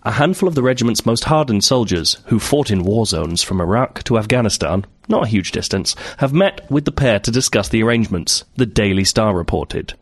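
Lively man riffing on the news. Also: fairly low pitch, brisk, few pauses, breathy edge, dry recording. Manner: riffing, laughs often, mock-dramatic readings. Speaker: podcast co-host. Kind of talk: comedic casual chat, reading news aloud.

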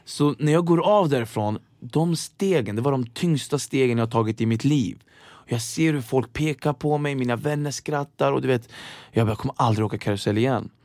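On a casual podcast, a young male guest tells stories with animated energy, acting out the voices and quotes of the people in them. His voice sits in the mid range, and the recording is dry.

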